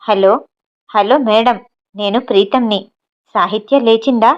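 A woman's voice: on the high side, measured pace, highs cut off, lightly acted. A woman reading the part of an anxious young man in love, urgent and pleading, in a storybook reading.

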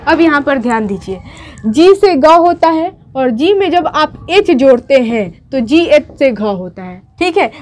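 A woman's voice: high voice, darkish tone. A woman teaching how to write letters at a board, patiently repeating each step and checking in with her students. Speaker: Urdu teacher. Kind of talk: whiteboard writing lesson.

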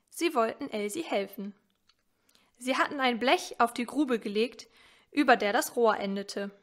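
A woman reading a story aloud in a measured, expressive way. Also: on the high side. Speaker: story reader at a church advent event.

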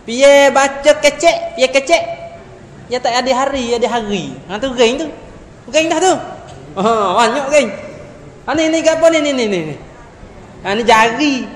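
A man with a Patani Malay accent teaches Quran recitation in an animated way, drilling sounds again and again. His voice sits high and carries a long reverb through a hall. Faint noise hums behind him. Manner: animated, repeats sounds for students, chuckles often. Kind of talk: classroom teaching. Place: classroom.

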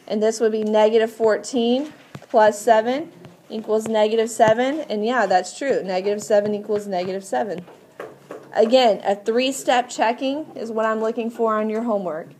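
Patient woman teacher, higher-pitched voice. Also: steady tone, normal speed, darkish tone, a little hiss or hum. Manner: patient, instructive, checks understanding with questions. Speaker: math teacher. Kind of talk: classroom lesson, explaining step by step.

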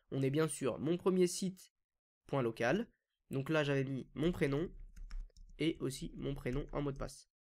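A man hosting a screen-recorded software tutorial, explaining each step casually with frequent fillers. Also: mid-range voice. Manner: casual, step-by-step, many "donc" and "euh" fillers. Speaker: WordPress consultant and YouTube tutorial host.

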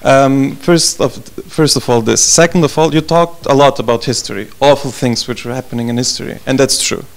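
Guy asking the panel a question, gravelly voice, kinda earnest. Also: medium pitch, fairly even intonation, a little fast, hardly any pauses. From Serbia. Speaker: project assistant asking a question. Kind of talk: audience question.

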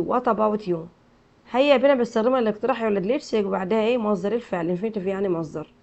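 A woman's voice: a little high, a little mellow. A woman with an Egyptian Arabic accent teaching English to children. She repeats every word several times in drills and quizzes the kids. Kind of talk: classroom lesson with drilled repetition. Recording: muffled lo-fi recording.

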